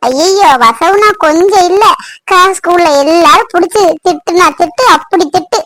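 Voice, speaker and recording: A woman voicing a young college-going daughter in an animated family drama, chatty and teasing. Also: very high voice, moderate pace. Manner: lively storytelling, teasing.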